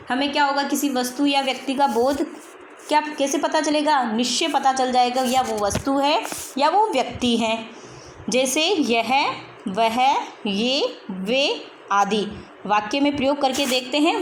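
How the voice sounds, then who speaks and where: High-voiced woman teaching in an echoey room. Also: slight background noise. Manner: repeats example sentences slowly, asks and answers own questions. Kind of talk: grammar lesson.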